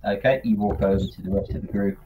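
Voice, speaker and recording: A man's voice: deep voice, steady tone, fast. A man narrating a tabletop game as game master, describing scenes steadily with fillers. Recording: tinny voice-chat audio, faint noise.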